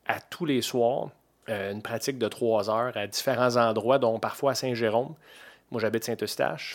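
Québécois guy in his 40s hosting a podcast, super casual, lots of euhs and restarts, middle-pitched voice. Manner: chatty, loose, many fillers and restarts. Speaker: podcast host.

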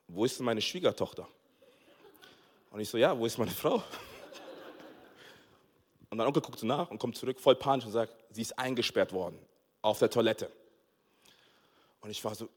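A man preaching a sermon as pastor, telling a funny family story with lively acted-out dialogue and frequent laughter. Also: mid-range voice. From Togo. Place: church hall. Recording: long hall reverb.

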